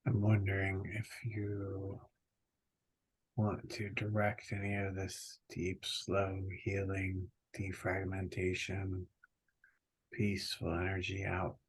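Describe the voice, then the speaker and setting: A man taking part in a trance channelling session, quietly offering guiding suggestions on a hissy recording. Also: deep voice, completely flat delivery, takes it slowly. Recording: hissy, faintly noisy background.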